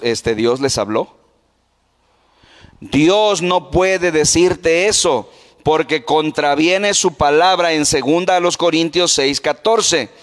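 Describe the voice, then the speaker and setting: A man preaching as a pastor, voice a touch high for a man, asking the congregation question after question. His voice rings with a long reverb through a church hall. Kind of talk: sermon.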